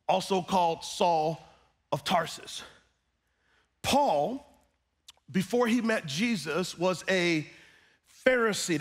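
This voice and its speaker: A middle-aged man preaching a sermon on a church stage, animated and calling out to his congregation. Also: high voice. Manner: animated, gesturing, calls out to the congregation. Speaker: pastor. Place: large church stage with band gear.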